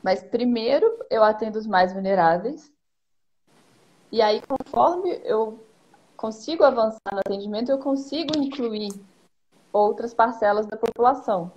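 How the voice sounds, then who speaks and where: A fairly high-voiced Brazilian woman lays out policy lessons point by point as a guest on a live stream. Her voice comes through dull and lo-fi, like a home internet connection. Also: a little slow, darkish tone. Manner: methodical, lays out points one by one. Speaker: education policy consultant, guest. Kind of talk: explanatory live-stream conversation.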